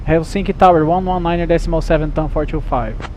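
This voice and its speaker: Brazilian man, sim pilot calling the tower over a cockpit headset, clipped and keyed up, slightly high voice. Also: fairly even intonation, quick pace, darkish tone, a little hiss or hum, poor audio. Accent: Brazilian Portuguese. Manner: clipped, raised radio phraseology. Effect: pilot speaking over a cockpit headset radio. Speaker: flight simulator pilot. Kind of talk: radio calls to air traffic control.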